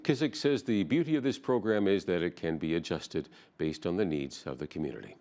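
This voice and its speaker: A man's voice: sits low, expressive, a little fast. A man reading the news as a newscast anchor.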